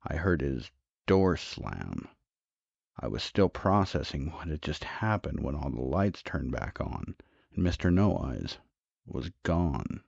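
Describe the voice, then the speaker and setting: Brief: very low, gravelly male narrator for horror tales, dry and slightly lo-fi. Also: big pitch swings, darkish tone, no room sound. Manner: measured, dramatic. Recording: dull, dry, lo-fi.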